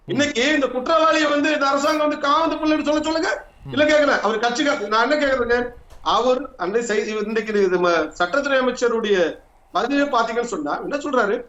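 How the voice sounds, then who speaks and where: A man arguing insistently as a party spokesman in a heated TV debate, repeating his points. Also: very high voice. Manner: forceful, insistent, repeats himself. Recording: echoey, slightly dull audio.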